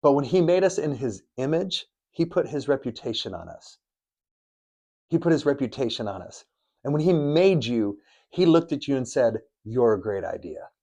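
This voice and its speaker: A middle-aged man co-hosts a faith podcast from an Arizona studio, telling stories in an earnest, preachy way. His voice is medium-pitched, animated and mellow, with a moderate pace, though the audio sounds dull.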